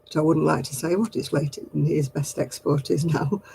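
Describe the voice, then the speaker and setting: An older woman from Royton, Oldham, England, with a mixed Oldham and Manchester accent, hosts a livestream and answers live comments in a rambling, homely way, chuckling often. Her voice is low-pitched, gravelly, and mellow, with a steady tone and moderate pace. Slight background noise is present.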